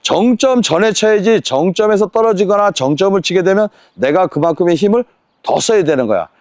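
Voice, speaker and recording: Man, tennis coach, high voice, commanding drill calls, rhetorical questions. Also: lively intonation, a little fast, a little mellow, no echo. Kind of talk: on-court tennis lesson.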